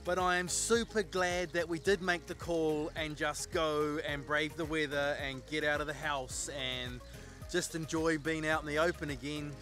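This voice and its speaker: With a slightly high, sharp voice and fairly even intonation, a fishing vlogger in his forties speaks at a moderate pace over faint music. He has a New Zealand accent and chats happily to a camera held at arm's length from his small boat, laughing a lot.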